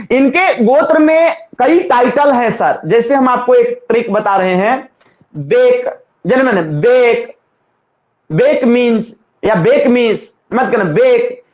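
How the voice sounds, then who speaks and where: A male teacher, drilling students in an exam-coaching lesson with call-and-response repetition. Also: sits high. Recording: echoey room, slightly dull sound.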